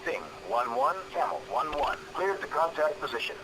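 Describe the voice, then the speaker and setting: A man's voice: on the high side, very animated, normal speed. A man voicing curt military radio calls in a game, heard as a transmission through an oxygen mask, with clipped, formal procedure. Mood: terse. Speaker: air controller and pilot radio calls. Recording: noisy, distant radio chatter.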